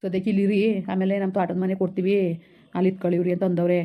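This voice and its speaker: A woman playing a gentle young village husband who keeps coaxing his pregnant wife. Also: mid-range voice, flat delivery, very fast, narrow, tinny audio, close to an everyday voice. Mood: soothing. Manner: soothing, repetitive coaxing. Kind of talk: village skit acting.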